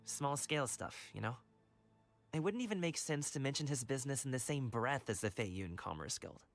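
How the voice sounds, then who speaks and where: A man's voice: mid-range voice, lively intonation, brisk, close to an everyday voice. A man voicing a friendly, carefree young wushu dancer in a video game. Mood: earnest, wistful. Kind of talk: video game character voice acting. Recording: game music behind the voice.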